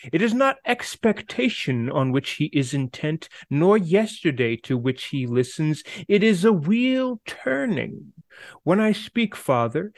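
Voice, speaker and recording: A man puts on a cartoon mobster villain, drawling each line slowly and tacking on a tough-guy "see?". The voice sits a little higher than a typical man's. The sound is dry and close. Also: no echo. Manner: gangster "see?" tag, drawn-out slow lines. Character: male cartoon mobster villain reading a poem. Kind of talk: comic poem reading in a voice.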